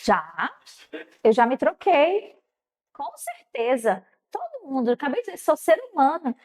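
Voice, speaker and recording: A middle-aged woman teacher, telling a classroom story casually and acting out the dialogue with lively jumps in pitch. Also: measured pace.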